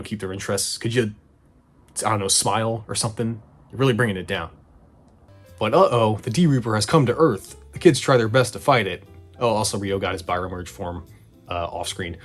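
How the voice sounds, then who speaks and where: Male retrospective host, lowish and quick, sarcastic and casual, music underneath. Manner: sarcastic, conversational, swearing. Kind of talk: casual scripted recap narration. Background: background music.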